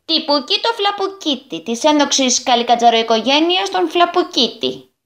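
A woman's voice: high-pitched, animated, voice pushed up. Storybook goblin, male, boastful and showy, voiced by a female narrator, distant from the mic. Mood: proud. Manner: proud, theatrical.

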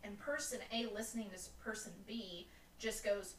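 A woman's voice: medium pitch, fairly bright tone, a little hiss or hum. A woman who trained as a nurse, chatting casually with a wry, joking manner. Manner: chatty, wry, quick to laugh. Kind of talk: casual podcast chat. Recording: roomy, distant mic with faint ambience.

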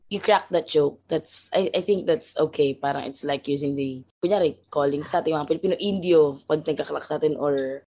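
Filipino woman co-host telling a call center story, lowish voice, acts out the quotes, swears a bit. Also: normal speed, warm tone. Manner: acts out quoted customers in English, swears casually. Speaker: podcast co-host. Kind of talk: casual chat, storytelling.

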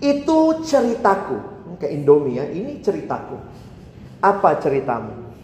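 A man's voice: fairly high pitch, huge pitch swings, normal speed, darkish tone, slight background noise. A male preacher giving a conversational sermon, asking the audience rhetorical questions and slipping into casual slang. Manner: slips into casual slang and plays out mock dialogues. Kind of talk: sermon teaching on evangelism. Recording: roomy hall reverb with faint ambience.

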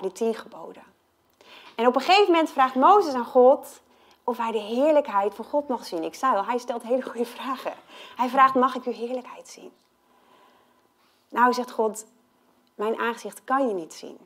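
Earnest, fairly high-voiced woman preaching. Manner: earnest, emphatic, drops to hushed tones on key points. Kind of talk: sermon.

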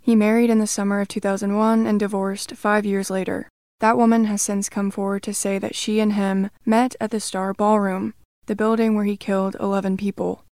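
Woman, scripted true crime narration, monotone, dry close sound. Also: medium pitch, dry recording.

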